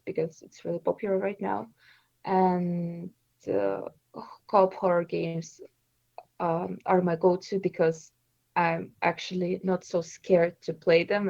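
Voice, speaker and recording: A woman in her twenties from Estonia, a native Russian speaker and streamer, answers interview questions hesitantly with frequent fillers and restarts. Her voice sits on the low side with vocal fry and a slightly mellow quality, in a dry, dull-sounding recording.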